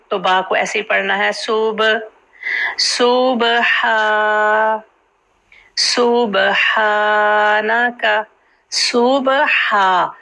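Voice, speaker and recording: Woman tajweed teacher, gravelly, bright tone, slow drawn-out recitation between quick explanations. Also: medium pitch, low-quality recording. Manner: explains quickly, then draws out each recited word slowly. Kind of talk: tajweed lesson, explaining and slowly modeling recitation.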